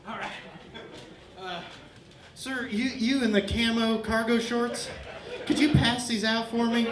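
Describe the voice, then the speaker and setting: A man doing a loud, rambling stand-up set in a bar, mock-earnest and bantering with the crowd, a little out of breath. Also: extremely high pitch, fairly even intonation, measured pace, noisy background. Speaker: stand-up comedian. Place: bar stage with laughing crowd. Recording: echoey bar room, crowd laughter.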